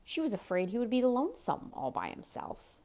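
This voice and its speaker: Animated woman reading a picture book aloud. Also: medium pitch, fairly quick, creaky. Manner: expressive, chatty, asks the listener questions. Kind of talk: animated read-aloud storytelling for young children, with asides to the listener.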